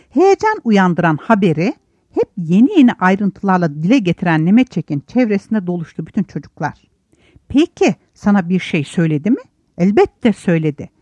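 Woman narrating a story with lively pitch. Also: dry recording. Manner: expressive, animated storytelling. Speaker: audiobook narrator. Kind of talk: scripted narration.

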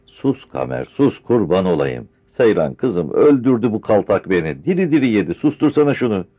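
A man's voice: lowish voice, sing-song, moderate pace, breathy edge, voice pushed up, exaggerated voice. A man voicing a weeping frail old villager. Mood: distraught. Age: older. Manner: tearful, pleading, wailing. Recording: dull lo-fi recording.

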